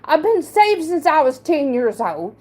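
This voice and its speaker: A woman livestreaming an emotional monologue. She speaks defensively and haltingly, with a slight speech impediment, repeating and restarting words. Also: high voice, big pitch swings, a little mellow.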